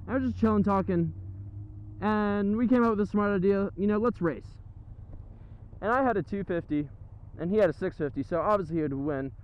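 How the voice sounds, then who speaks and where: A man's voice: high-pitched, brisk. A young American man talking from inside a helmet while riding, telling a story in a rambling, casual, foul-mouthed way as a motorcycle vlogger. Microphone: helmet-mounted microphone. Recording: muffled helmet mic, loud engine and road noise.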